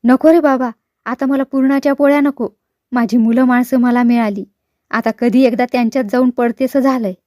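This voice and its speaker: A woman voicing a sharp-tongued old woman in a leprosy home, scolding and cursing in a storybook reading. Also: on the high side, fairly even intonation, moderate pace, no echo, clean studio sound, lightly acted. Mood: eager.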